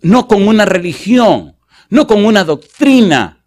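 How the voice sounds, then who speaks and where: A male pastor delivers a sermon in a fairly high voice. He stretches out scripture verses word by word and keeps asking the congregation questions to press his point. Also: very animated, a little mellow. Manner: asks the congregation rhetorical questions; slows to stress scripture verses.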